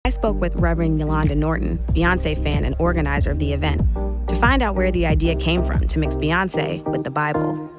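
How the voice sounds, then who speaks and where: Low-voiced woman narrating over music. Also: brisk. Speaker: reporter narrating. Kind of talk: scripted narration. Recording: music behind.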